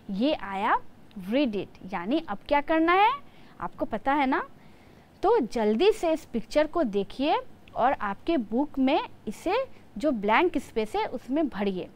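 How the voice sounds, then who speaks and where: A woman's voice: high voice, sing-song. Sing-song woman teaching children. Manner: slow, sing-song teaching, spelling words letter by letter. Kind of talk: classroom lesson for young children.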